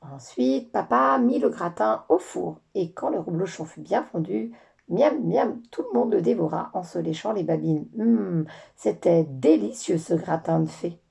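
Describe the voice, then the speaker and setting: A woman teacher reading children's stories aloud with lively, expressive storytelling. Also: on the low side, unhurried, gravelly, breathy edge.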